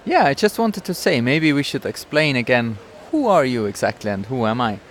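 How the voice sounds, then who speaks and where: Recording outdoors in a busy town square, a Swiss-accented man from Switzerland co-hosts a laid-back podcast chat, sometimes pausing to find English words. His voice is medium in pitch and sing-song at a normal pace, with slight background noise.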